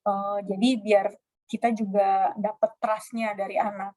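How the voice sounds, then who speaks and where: A woman's voice: mid-range voice, level tone, a little slow, warm tone. Casual woman lecturing with many fillers. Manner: casual, many fillers and acted example questions. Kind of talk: online lecture with slides.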